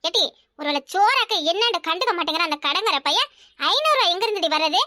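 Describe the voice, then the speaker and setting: Heavily acted and forceful, a woman's bright, expressive voice brings a harsh, tired village mother to life in a cartoon, using a Kanyakumari Tamil accent. She scolds shrilly and threatens at rapid-fire speed, recorded in a clean studio with no room sound.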